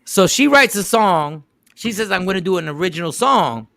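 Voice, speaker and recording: A man hosting a radio show, retelling a story in an animated, casual way and stopping to repeat the lines that matter. His voice is bright and a little gravelly, and the sound is dry and close to the mic. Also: high voice, normal speed, no room sound.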